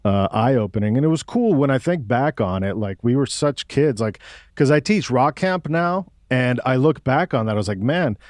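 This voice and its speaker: Animated and at a normal pace, this man's medium-pitched voice has a darkish tone, captured in clean studio sound without echo. He's a forties-aged musician from Mexico City, a guest in a relaxed interview, musing out loud and using easygoing slang.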